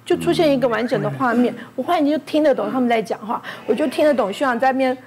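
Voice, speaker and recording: A woman doctor on a talk show, retelling a near-death birth in a quick, stammering way. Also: high voice, darkish tone, faint music behind. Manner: fast, stammering retelling with quoted voices. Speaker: doctor guest. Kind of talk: emotional storytelling on a talk show.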